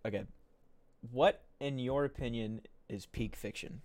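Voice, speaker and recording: A man's voice: medium pitch, unhurried, darkish tone, dry recording. A young man co-hosting a casual podcast, rambling with lots of fillers and bursts of laughter. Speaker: podcast co-host. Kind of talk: casual chat.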